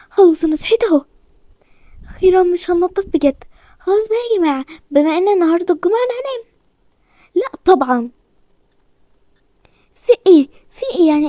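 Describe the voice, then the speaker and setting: A woman's voice: very high voice, no echo, lo-fi sound. A woman with an Egyptian accent voicing a chatty back-and-forth toy-game story, switching between the girls. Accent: Egyptian Arabic.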